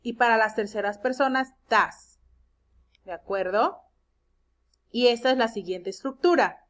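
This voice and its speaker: A woman teaching an English grammar lesson, explaining step by step and reading example sentences slowly and clearly. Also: a little high, animated. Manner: explains step by step, checks with "¿de acuerdo?".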